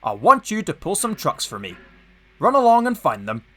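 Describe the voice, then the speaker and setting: A man playing a stern, pompous railway boss in a children's story, measured and authoritative. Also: fairly high pitch, wildly swooping pitch, bright, forceful tone, voice pushed up, full character voice. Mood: kindly.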